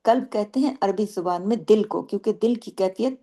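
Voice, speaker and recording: A woman teaching tajweed, explaining the rules step by step and reciting Arabic words slowly. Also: mid-range voice, warm tone. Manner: explains rules step by step, asking and answering her own questions.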